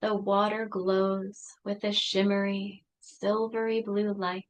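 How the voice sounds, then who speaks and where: Lady doing a guided meditation, super slow and soft, calm soothing voice. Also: medium pitch.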